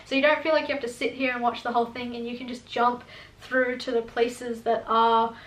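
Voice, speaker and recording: A woman's voice: fairly high pitch, level tone, fairly quick. A woman of twenty-one, chatty and laughing often as she answers viewers' questions in a casual vlog. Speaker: student vlogger. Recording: echoey room.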